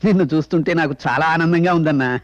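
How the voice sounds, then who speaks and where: An actor playing a smooth, flattering elected politician in a film drama. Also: male voice, on the high side, fast talker, dry recording, close to an everyday voice. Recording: dry, dull lo-fi film audio.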